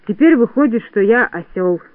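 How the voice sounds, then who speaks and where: A flustered little braggart of a storybook shorty, as a male reader puts him on, pitched high and pushed louder than plain talk. He protests excitably. The sound is narrow and tinny, dry and close. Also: moderate pace, no room sound. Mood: indignant. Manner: defensive, excitable. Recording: dry phone-like narrowband audiobook.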